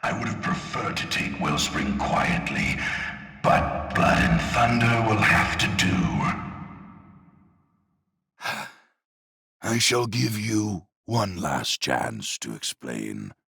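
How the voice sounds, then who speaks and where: General Martin Cross, gravelly slow-talking villain. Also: male voice, lowish voice, sing-song, bright, forceful tone, soft background music, heavily acted. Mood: grandiose menace. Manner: grandiose, sneering, deliberate. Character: menacing male general, megalomaniacal cold villain. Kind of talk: theatrical video game villain acting.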